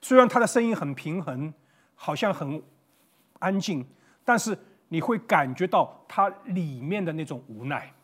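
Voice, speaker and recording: High-pitched pastor guy doing a sunday sermon over video, earnest, restarts words sometimes. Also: animated, moderate pace. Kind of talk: online sermon. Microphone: facing a camera.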